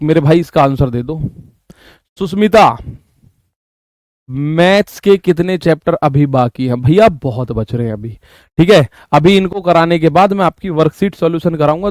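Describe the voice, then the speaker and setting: A man with a high, light voice teaches maths live, talking his students through each step and calling on them by name. The sound is dry and close, with no room echo. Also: a little mellow. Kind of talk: live online class teaching.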